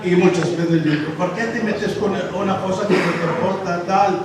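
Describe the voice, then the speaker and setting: Hombre palestino dando un discurso en una sala con eco. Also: male voice, sits high, steady tone, a loud crowd. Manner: halting, searching for words. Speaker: local election candidate. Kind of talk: after-dinner speech. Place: restaurant dining hall. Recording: echoey room from far off, noisy.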